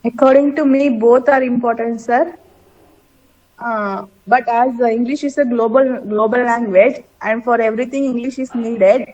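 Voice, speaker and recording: High-voiced woman with a Kannada accent. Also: fairly even intonation, a little mellow, muffled recording. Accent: Kannada Indian. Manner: halting, deferential. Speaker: schoolteacher in an English class. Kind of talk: spoken opinion in a class discussion.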